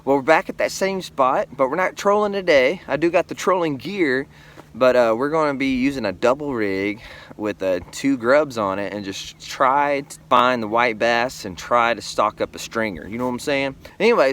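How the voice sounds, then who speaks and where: A man's voice: medium pitch, a bit bright. A man chatting casually to his vlog viewers as a laid-back, folksy angler, speaking from behind a face shield outdoors in a kayak. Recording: noisy outdoor river recording.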